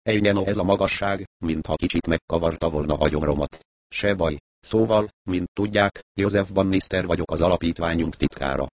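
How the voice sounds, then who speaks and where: A man's voice: deep voice, no echo, lightly acted. A man voicing a flustered, queasy foundation secretary. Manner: apologetic, flustered, keeps belching. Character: queasy, fussy middle-aged male foundation secretary. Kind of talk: audiobook character voice.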